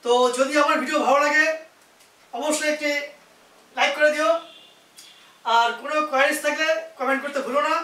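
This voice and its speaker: Guy from india teaching english words, spells em out, high bright voice, echoey room kinda far from the mic. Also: steady tone, brisk, pauses often. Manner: spells words out letter by letter, explains patiently. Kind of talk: vocabulary lesson for learners.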